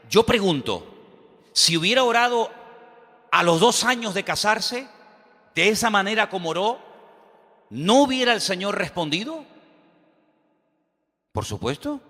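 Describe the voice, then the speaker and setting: Fervent preacher, long reverb. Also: male voice, sits high, bright, forceful tone. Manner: preaching with rhetorical questions and rising fervor. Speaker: pastor. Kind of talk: sermon.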